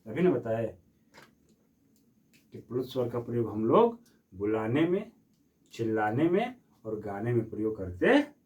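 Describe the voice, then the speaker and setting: A man's voice: mid-range voice, darkish tone, recorded from a distance, lo-fi sound. A man teaching a Hindi grammar lesson who repeats each question and answers it himself, stretching vowels to demonstrate.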